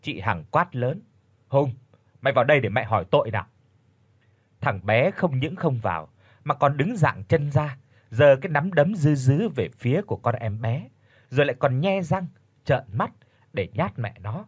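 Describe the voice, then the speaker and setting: A man reads a family story aloud in a husky voice, shifting his pitch as he moves between the characters' lines. His delivery is animated and rises and falls a lot. The recording is dry and close. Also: normal speed, dry recording. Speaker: audiobook narrator. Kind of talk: storytelling narration with voiced dialogue.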